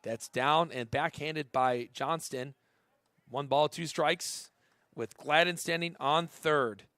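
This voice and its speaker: Male baseball announcer, conversational play-by-play, bursts of excitement on big plays, slightly raised pitch, dry close sound. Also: slow, no echo. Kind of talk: live baseball play-by-play commentary.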